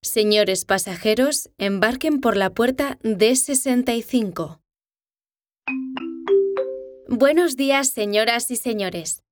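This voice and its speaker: A woman reading scripted airport boarding announcements in a formal, measured public-announcement manner. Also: a little high, dry recording, clean studio sound, faint music behind.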